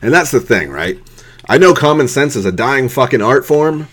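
A man's voice: medium pitch, lively intonation, moderate pace, fairly bright tone, slightly rough. A man in his thirties hosting a podcast, bluntly mocking someone with heavy swearing and laughter. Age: 30s. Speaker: podcast host. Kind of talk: profane ranting commentary.

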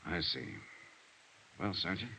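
A man's voice: deep voice, lively intonation, takes it slowly, bright, forceful tone, breathy edge, full character voice. An actor playing a hard-boiled male investigator who narrates and talks in a terse, matter-of-fact way, in a 1950s radio drama. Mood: steady. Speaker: narrator and detective. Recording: muffled old radio broadcast with music.

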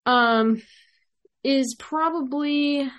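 A woman's voice: sits high, drawn-out words, fairly bright tone. A young woman hosting a casual podcast, dry and mock-serious, brushing off questions. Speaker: podcast host. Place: remote call.

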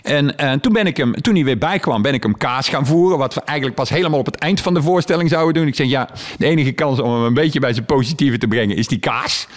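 A man in casual conversation, telling animated stories from his work as a stage performer and acting out what people said. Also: medium pitch, quick pace, hardly any pauses. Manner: animated storytelling with quoted voices.

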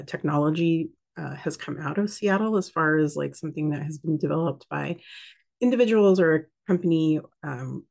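A woman's voice: sits low, vocal fry, a little mellow. A woman hosting a casual spiritual talk, rambling with many fillers and restarts. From United States. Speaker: host.

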